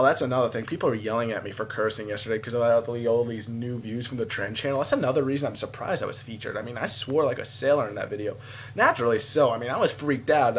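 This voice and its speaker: Young man, casual vlog storytelling, animated, swearing, phone mic, faint background hum. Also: mid-range voice. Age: young adult. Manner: animated storyteller, swears, jumps to loud quoted outbursts. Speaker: vlogger. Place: indoors at home, seated. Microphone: phone camera.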